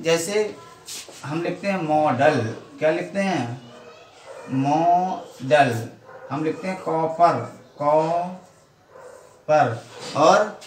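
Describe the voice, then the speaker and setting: Male Hindi teacher with a Badaun accent, slightly higher voice, keeps quizzing and answering himself, recorded off-mic in an echoey room. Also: distant mic, a little hiss or hum. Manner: asks questions and answers them himself. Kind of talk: classroom lesson.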